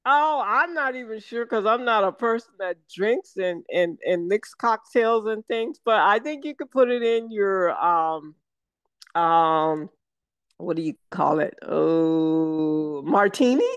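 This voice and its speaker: An older woman from the American South, a guest chatting over a video call, talking slowly and wandering with many fillers and restarts. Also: mid-range voice, lively intonation, smooth, no echo, dull audio. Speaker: guest, syrup maker.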